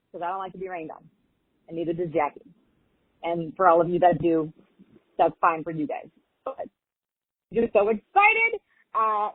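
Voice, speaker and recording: A woman's voice: fairly high pitch, no echo. A woman from Long Beach, California, leaving a rambling, gushing voicemail message over a landline phone. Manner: gushing, excited and chatty. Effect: heard over a landline phone. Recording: tinny phone-line voicemail.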